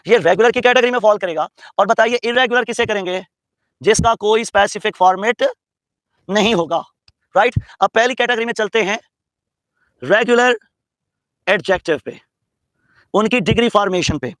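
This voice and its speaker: Man from pakistan teaching grammar, high voice, slow and careful, asks then answers himself, dry close sound. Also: fairly bright tone, no room sound, poor audio. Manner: asks students questions and answers them himself; says English terms slowly and carefully. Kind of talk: classroom lecture mixing English and Urdu.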